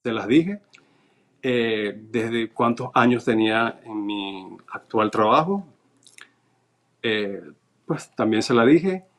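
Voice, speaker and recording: Here a Venezuelan interview guest reads notes aloud, walking through events step by step in a casual story. His medium-pitched voice is slow, broken by long pauses.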